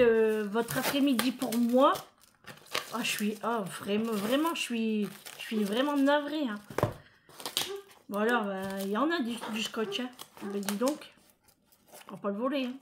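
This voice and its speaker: A woman from France talks casually to her viewers in a vlog. Her voice sits a little high, and she sounds chatty and emotional. Faint background noise runs under the recording. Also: measured pace, pauses often. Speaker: vlogger. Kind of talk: casual chat.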